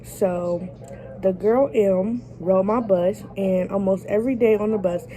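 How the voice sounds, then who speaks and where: A woman with a raspy, just-woken-up voice tells a casual story to her viewers. Her tone is mellow and low-key, and she talks chattily and straight to the camera. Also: fairly even intonation, a little slow, poor audio. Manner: chatty, addresses viewers directly. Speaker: vlogger.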